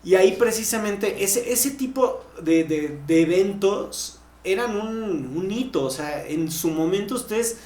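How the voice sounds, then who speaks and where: A Mexican man co-hosts a podcast in a casual panel discussion, chatting freely and explaining at length with bits of slang. His high, darkish voice has lively intonation and an unhurried pace, and the recording sounds roomy and echoing.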